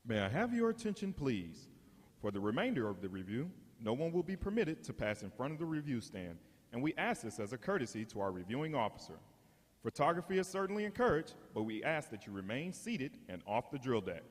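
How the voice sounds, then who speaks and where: A man's voice: mid-range voice, sing-song, fairly quick. A man making a formal public announcement as a ceremony announcer. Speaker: ceremony announcer and drill caller. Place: large indoor drill hall. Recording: reverberant hall public address.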